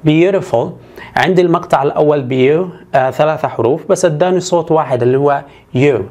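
A man teaching English spelling rules, who repeats each example word slowly and carefully. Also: fairly high pitch, darkish tone. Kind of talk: explanatory spelling lesson.

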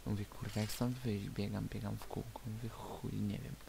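A man with a lowish, creaky voice in casual gaming chat. He swears freely, and the voice chat is clearly noisy and hissy. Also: flat delivery, moderate pace. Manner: crude, swearing. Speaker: video game player.

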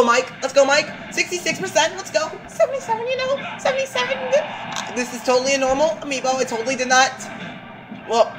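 A gameplay commentator excitedly cheering on a computer-controlled fighter, with frequent hyped outbursts. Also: sits high. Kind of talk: excited let's-play commentary. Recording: game music loud behind voice. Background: game music.

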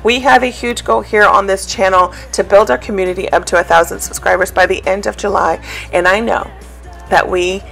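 A woman's voice: mid-range voice, fairly even intonation, fairly quick, vocal fry, a bit bright, faint music behind. A woman talking casually in a voice-over for her cleaning vlog, rambling with many fillers. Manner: chatty, rambling with many ums. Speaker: cleaning vlogger.

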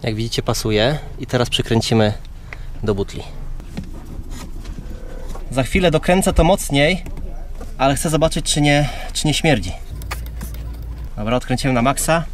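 A man talks his viewers through a job in a relaxed, explanatory vlog voice, recorded outdoors on a body-worn camera at a campsite. His pitch sits in a middle range. Faint outdoor noise runs behind him. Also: moderate pace, pauses often. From Poland. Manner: chatty, explaining step by step to viewers. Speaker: vlogger and father. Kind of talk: casual how-to vlog narration. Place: outdoors at a campsite beside a caravan.

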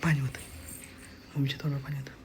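चिडवणारा, पटपट बोलणारा माणूस. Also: male voice, medium pitch, level tone, rapid-fire, noisy background. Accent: Marathi. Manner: teasing, playfully accusing. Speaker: father filming a family video. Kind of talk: casual family banter.

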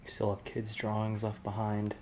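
A young man with a lowish voice talks casually to a camera held at arm's length. He narrates an exploration vlog in a relaxed, chatty way, with lots of filler words. He is recorded inside a large, empty diner, with a faint hum of room sound behind him. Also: moderate pace. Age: young adult. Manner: relaxed, chatty, with a lot of "like" and "I mean". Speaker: urban explorer vlogger host.

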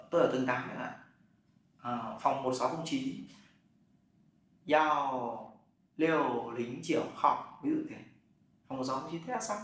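A man teaching an online Chinese lesson, talking directly to his learners. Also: mid-range voice. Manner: direct, talks straight to learners. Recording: very echoey room, mic far off, faint background noise.

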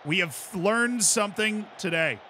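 An American man chats casually on a live stream while playing, his fairly high voice bright and sharp-edged. Unhurried, he spins long, animated tangents and keeps throwing "right?" at the chat, with a little hiss or hum in the audio.

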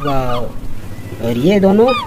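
Over a very noisy background, a children's host slowly narrates toy play, his or her medium-pitched voice swinging widely in pitch. The delivery is playful and exclamatory, full of repeated small cries of wonder.

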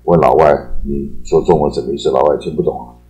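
A man giving a casual, chatty English vocabulary lesson. He repeats key words and ends his phrases with a drawn-out particle. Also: a bass voice, fairly even intonation, dark tone, low-quality recording. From Taiwan. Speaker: English teacher. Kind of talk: casual explanatory lecture.

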